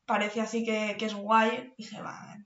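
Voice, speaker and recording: A woman's voice: medium pitch, flat delivery, a little slow. A young woman, co-hosting a podcast, rambling and poking fun at herself. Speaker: podcast co-host. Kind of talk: casual chat among friends. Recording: echoey room, dull lo-fi sound, faint hiss.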